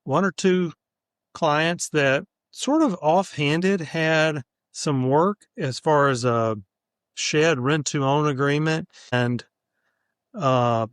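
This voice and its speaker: Man, smooth clear voice, dry close sound, easygoing and thoughtful. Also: on the high side, slow, no echo. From Mississippi, USA. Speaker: attorney, podcast guest. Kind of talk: casual interview chat.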